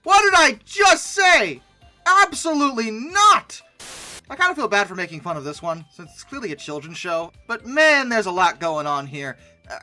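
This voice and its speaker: The host of a commentary video delivers humorous reactions in a sarcastic, exasperated way. The voice is medium in pitch with a sharp tone.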